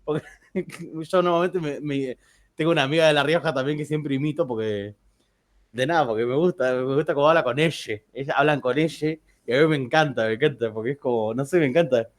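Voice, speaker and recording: A man's voice: a little high, a little fast. Chatty Argentine man telling stories. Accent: Argentine Spanish. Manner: chatty, joking, with frequent restarts. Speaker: teacher. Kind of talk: casual classroom anecdote.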